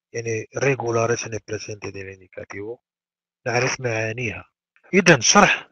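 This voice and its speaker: A male language teacher giving a classroom lecture and drilling verbs by repeating each word slowly. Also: mid-range voice, fairly bright tone, slightly rough, no room sound, highs cut off.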